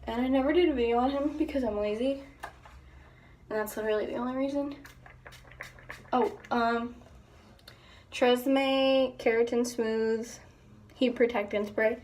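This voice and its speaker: A teenage girl vlogger with a slightly high voice chats and rambles while she does her makeup, joking at her own expense. She records on a phone in a small bathroom, and a faint hiss sits under her voice. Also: fairly quick, pauses often, darkish tone. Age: teens. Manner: rambling, self-deprecating and chatty. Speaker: beauty vlogger. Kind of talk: casual get-ready-with-me vlog. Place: home bathroom. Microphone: phone camera nearby.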